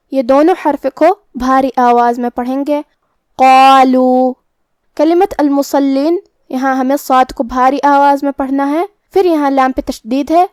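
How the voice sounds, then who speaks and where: A woman teaching Quran recitation, explaining the pronunciation of each letter and reciting verses slowly and carefully. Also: high-pitched, darkish tone, no room sound, clean studio sound. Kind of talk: tajweed lesson, explaining letter by letter.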